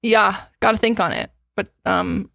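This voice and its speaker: A woman's voice: medium pitch, steady tone, moderate pace, creaky, fairly bright tone, no echo. A woman in her twenties co-hosting a podcast, chatting casually and filling her talk with "like". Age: 20s. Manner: chatty, fills with "like" often. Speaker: podcast co-host.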